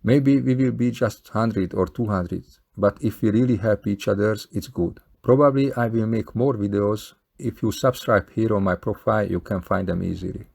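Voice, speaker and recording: Male video maker, Hungarian accent, lowish gravelly voice, earnest and plain-spoken direct appeal. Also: moderate pace, few pauses, darkish tone. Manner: earnest, plain-spoken, non-native phrasing. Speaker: video maker appealing to fellow scam victims. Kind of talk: scripted appeal to camera.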